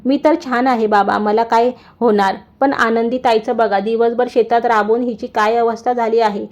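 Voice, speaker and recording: A woman's voice: fairly high pitch, fairly even intonation, normal speed, a little mellow, close to an everyday voice. A woman doing a humbled young sister. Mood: boastful. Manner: tearful pleading.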